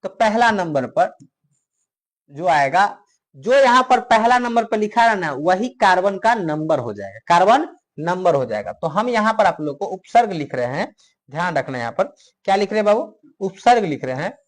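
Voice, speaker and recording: A man's voice: high-pitched, very animated, normal speed. A male teacher with a north Indian Hindi accent, giving a chemistry lecture that repeats each question and answers it himself for the class. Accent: Hindi-speaking north Indian. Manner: repetitive question-and-answer drilling.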